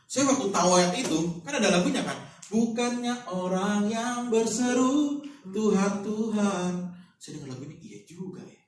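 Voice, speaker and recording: A male pastor preaches in a high voice and keeps his sermon casual and joking. He fires rhetorical questions at the congregation. The recording is very echoey, and he sounds far from the microphone.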